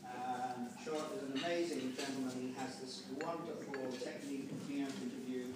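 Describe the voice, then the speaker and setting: A man's voice: medium pitch, steady tone. Rambling older man speaking in an echoey room. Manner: rambling, digressive, halting. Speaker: family member giving a speech at a memorial gathering. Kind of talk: informal, unscripted eulogy speech. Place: large echoey room with a gathering. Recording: roomy, distant recording with background noise.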